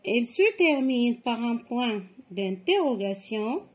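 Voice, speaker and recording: A woman's voice: a little high, sing-song, unhurried, darkish tone. A woman teaching a grammar lesson to children, explaining patiently and step by step. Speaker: French teacher.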